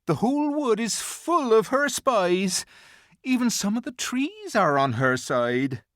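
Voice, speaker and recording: Timid gentle male faun for a storybook reading, high, tearful and drawn-out, voiced by the narrator. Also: big pitch swings, no room sound, clean studio sound. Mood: anxious, earnest. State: crying. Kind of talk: audiobook character voice.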